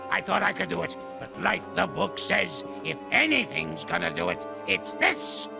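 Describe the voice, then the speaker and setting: A cranky old ape from a cartoon series, with a high, gravelly voice that crackles like an old man's. He swoops wildly up and down as he scolds and hurls insults. Music plays clearly behind him. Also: sing-song, moderate pace, full character voice. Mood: grouchy scolding. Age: older. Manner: scolding and name-calling, swooping wildly in pitch. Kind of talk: cartoon voice acting.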